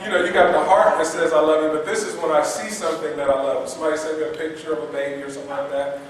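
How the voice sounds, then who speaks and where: A fairly high-pitched male pastor preaches a rapid-fire, upbeat, conversational sermon in a steady tone, stacking repeated words for emphasis and tossing questions to the congregation. He sounds far from the mic, his voice ringing through a very echoey church hall with a long reverb tail and faint noise beneath.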